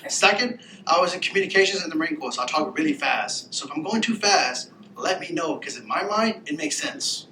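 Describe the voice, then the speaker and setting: A man from Texas who pronounces his R's like W's, giving an informal, animated conference presentation. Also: a little fast, hardly any pauses. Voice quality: cannot pronounce R, says w for r. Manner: informal, animated storytelling with acted-out quotes. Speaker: workforce agency presenter, Marine veteran. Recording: echoey room with background rumble.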